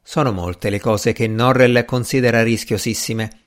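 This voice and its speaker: A man's voice: medium pitch, expressive, normal speed, lightly acted. A man reading the part of an ambitious, impatient young male magician in an audiobook, earnest and easily irritated.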